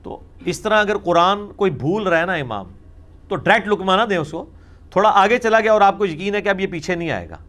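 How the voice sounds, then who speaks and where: A man's voice: high-pitched, lively intonation, fairly bright tone. A man with a Pakistani Urdu accent, a scholar answering questions in a religious lecture recorded in a studio, explaining points emphatically with wry asides and English words mixed in.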